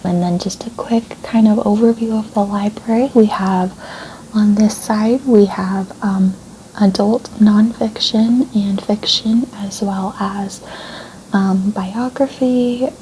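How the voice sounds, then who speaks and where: A woman performs an ASMR role-play as a kind, helpful librarian. Her voice is soft, breathy and mellow, with polite, reassuring phrasing. Faint noise sits behind her voice. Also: mid-range voice, fairly even intonation, slow, poor audio. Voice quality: soft-spoken, breathy near-soft voice. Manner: polite, reassuring, gentle customer-service phrasing. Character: gentle, helpful female librarian. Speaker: ASMR creator playing a librarian.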